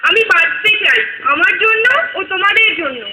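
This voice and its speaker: A woman's voice: very high voice, animated, normal speed, noisy background. A woman voicing a grieving female nature spirit that speaks as a river and a tree, lamenting and preaching in rhyming verse. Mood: tearful pleading. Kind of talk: stage play acting. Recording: roomy echoey hall.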